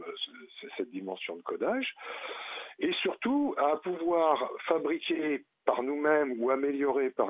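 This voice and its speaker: A medium-pitched man, a teacher and union representative, calls into a radio talk show on a landline as a guest. He explains at length with frequent hesitations and fillers, and the muffled phone audio is dry with no room sound.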